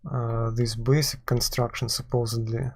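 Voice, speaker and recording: A man's voice: medium pitch, level tone, normal speed, breathy edge. A man from Belarus with a Belarusian accent, live-streaming while he codes, talking hesitantly with many filler sounds. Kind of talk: live-streamed coding commentary. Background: keyboard typing and clicking.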